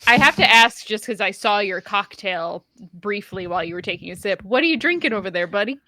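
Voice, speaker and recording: A woman co-hosting a casual chat, chiming in with quick, playful remarks. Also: medium pitch, expressive, pushed and bright, no echo. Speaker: podcast co-host.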